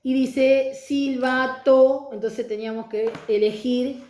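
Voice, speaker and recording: A woman's voice: high voice, fairly even intonation, takes it slowly, darkish tone, echoey room. A middle-aged woman teacher giving a conversational online lecture on reading pedagogy.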